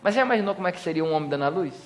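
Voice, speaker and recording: A Brazilian man gives a joking sermon from a church pulpit. He has a high voice and acts out small scenes with playful voices. His voice rings with the long echo of a church hall. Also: expressive, rapid-fire, slight background noise. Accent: Brazilian Portuguese. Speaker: pastor. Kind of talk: humorous sermon.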